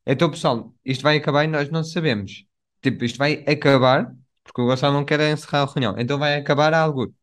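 A man's voice: on the high side, steady tone, fast talker. A young man, co-hosting a podcast in a casual, slangy and joking way. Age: young adult. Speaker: podcast co-host. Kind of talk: casual chat.

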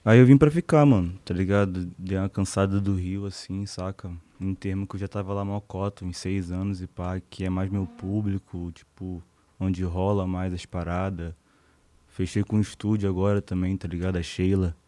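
A man's voice: low voice, steady tone, moderate pace, dark tone. A Brazilian man, a podcast guest, chatting casually in a laid-back, slangy way. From Brazil, born in Salvador, raised in Manaus. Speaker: guest, rapper.

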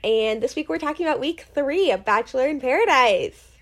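A woman's voice: high-pitched, expressive, a little fast. A woman in her twenties co-hosting a podcast in casual chat, telling stories in a rambling, self-deprecating way. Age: 20s. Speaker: podcast co-host.

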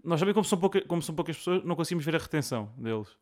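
A man's voice: fairly high pitch, lively intonation, rapid-fire, a little mellow. A young man with a European Portuguese accent, chatting casually as a podcast co-host, slangy and often repeating his phrases. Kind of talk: casual chat between friends.

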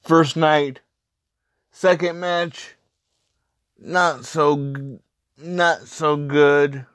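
A man hosting a casual solo podcast review, speaking in halting, terse, choppy phrases. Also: fairly high pitch, steady tone, fairly bright tone, no echo, clean studio sound. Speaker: wrestling podcast host.

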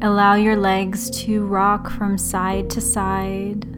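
A woman leading a guided relaxation meditation in a soothing, unhurried sleep-story manner, leaving long pauses. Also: medium pitch, completely flat delivery. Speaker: yoga and meditation teacher, host. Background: background music.

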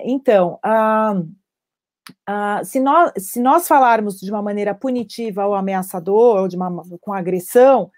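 Animated higher-voiced woman addiction counselor. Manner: animated, acts out parents' quotes, frequent tag questions. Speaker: addiction treatment professional. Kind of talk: live-stream talk.

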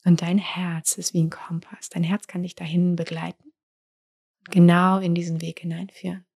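A woman giving a spiritual coaching talk in a soft, intimate way, sometimes dropping into whispers. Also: lowish voice, flat delivery, normal speed, creaky, breathy edge.

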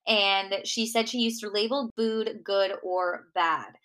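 A woman's voice: medium pitch, fairly even intonation, takes it slowly, a bit bright. A young woman with a Minnesota accent hosting a solo Q&A podcast, chatty and full of "like" fillers. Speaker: podcast host and nutrition coach.

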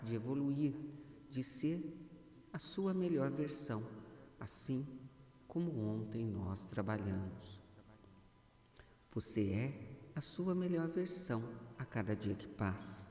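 A man leading a guided hypnosis meditation, speaking in a slow, measured way and repeating affirmations over and over. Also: lowish voice, dark tone. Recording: roomy voice with long reverb.

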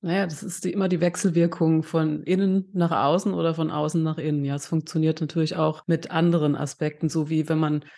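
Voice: mid-range voice, level tone, brisk, creaky, few pauses, dark tone. A podcast host interviewing a guest and sharing thoughts in a reflective, conversational way.

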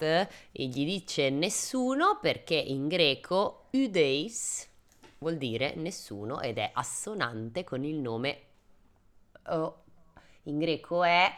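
Lady with a really low voice, cracking jokes and cursing in a laid-back chat. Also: a bit bright. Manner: joking, irreverent, swears freely. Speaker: podcast co-host. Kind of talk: casual chat.

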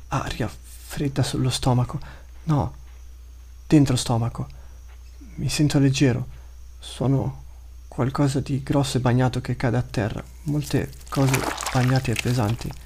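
A huge, brutish male beast, as a male narrator puts him on thinks aloud in terse, broken scraps of speech. The voice sits higher than the narrator's own and is rough and gravelly, with a faint hiss under it. It suits an audiobook of a fantasy tale. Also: darkish tone, lightly acted. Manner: terse broken inner monologue.

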